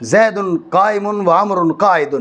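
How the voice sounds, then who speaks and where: A man from Pakistan teaching a classroom lecture, often stopping to check that students follow and slowly repeating key phrases for stress. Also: high voice, a bit bright. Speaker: teacher of Arabic grammar. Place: madrasa classroom.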